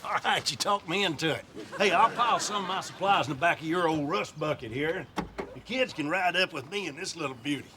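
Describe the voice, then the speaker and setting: A man's voice: a little high, a little fast, background noise. An older man playing a cocky, needling father-in-law in a sitcom. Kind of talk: sitcom acting. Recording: studio sitcom with audience laughter.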